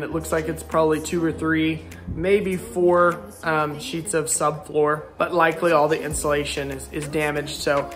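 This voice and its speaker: Holding a phone or camera at arm's length, a man in his 30s with an American accent walks through a house, garage and covered patio, casually explaining the renovation work as contractor and host. His voice is on the high side and fairly bright, and music plays in the background.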